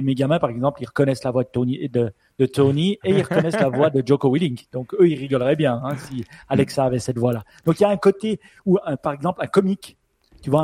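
A man with a Swiss French accent chatting casually on a podcast, full of fillers and quick to laugh. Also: mid-range voice, dark tone, slightly rough, dry recording. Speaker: podcast co-host.

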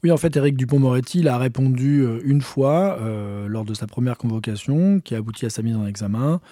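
A man's voice: mid-range voice, a little fast, mellow, dry recording, clean studio sound. A male journalist explaining a legal case in conversational commentary, with frequent hesitations.

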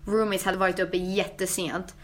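Animated young woman telling stories. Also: lowish voice. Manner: animated storyteller, mixes English phrases and swearing into her talk. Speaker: podcast co-host. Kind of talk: casual chat.

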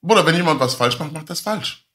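A man's voice: fairly high pitch, expressive, brisk, bright, forceful tone. A man talking as a podcast guest, heated and repeating himself, often calling the others brother. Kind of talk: casual podcast chat.

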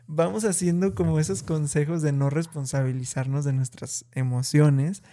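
A man in casual conversation who talks slowly and thoughtfully and raises his voice to act out scolding parents. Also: fairly high pitch, fairly even intonation, dark tone. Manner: slow and deliberate, many fillers.

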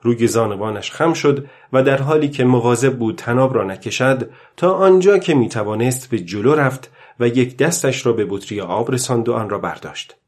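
A man giving a calm, measured scripted narration of a novel as an audiobook. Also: mid-range voice.

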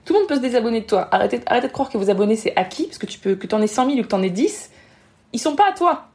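A woman's voice: on the high side, lively intonation, dark tone. A woman, a podcast guest giving frank advice on social media in an emphatic way, often acting out other people's thoughts. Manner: rapid, emphatic, frank, acts out quoted thoughts. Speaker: guest, Instagram marketing expert.

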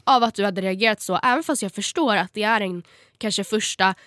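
A young woman in a casual chat as a podcast co-host, earnest and talking in quick bursts. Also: mid-range voice, fairly bright tone, no room sound, studio quality.

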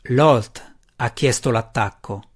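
A man reading the part of an old, withered and powerful dark elf matron mother, calm and commanding. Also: medium pitch, slow. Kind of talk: audiobook reading.

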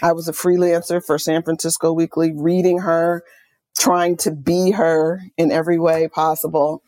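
Here a middle-aged author and music journalist from Oakland talks in a low voice at normal speed, and the recording is dry. It's a conversational interview in which she tells stories enthusiastically, animated and peppered with quoted asides.

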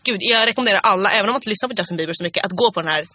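A woman co-host telling an embarrassing story, acting out her own reactions as she goes. Her voice is bright and edgy, and it sits close and dry on the mic. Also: mid-range voice, no echo. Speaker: podcast co-host. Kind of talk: casual podcast chat.

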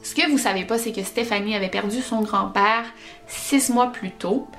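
Woman, Québécois accent, podcast host, animated storytelling, faint background music. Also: mid-range voice, normal speed. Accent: Québécois French. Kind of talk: telling paranormal stories.

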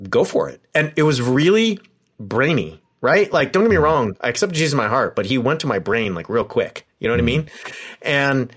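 A man in his forties from Southern California tells stories in a casual conversation. His pitch swoops widely, and he acts out the voices of people he quotes. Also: husky. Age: 40s. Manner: animated storyteller acting out quoted voices. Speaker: professor and former pastor.

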